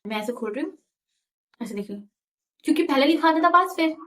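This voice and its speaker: A young woman in her twenties casually telling her own story, chatty and animated, slipping English phrases into her talk. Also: high voice, quick pace. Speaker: vlogger.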